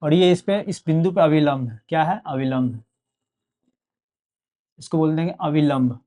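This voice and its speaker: His voice is a little high, mellow and unhurried. A young teacher with a Bihari Hindi accent, he goes over a board exam physics lesson repetitively, hammering key terms and checking in with a frequent "ठीक है", meaning "okay".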